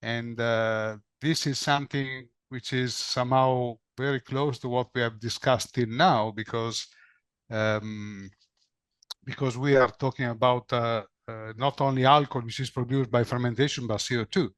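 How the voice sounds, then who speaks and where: A man's voice: mid-range voice, steady tone, normal speed, fairly bright tone, clear, resonant tone, dry recording. A man moderating a webinar, thanking speakers and introducing the next one, often repeating words and restarting sentences. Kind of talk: moderating a video call. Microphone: video call.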